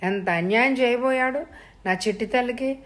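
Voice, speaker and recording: A woman voicing an older father who loudly wails and laments over his daughter. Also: extremely high pitch, normal speed, voice pushed up. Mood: wailing. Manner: wailing, loud lament. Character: wailing older father, loud and theatrical.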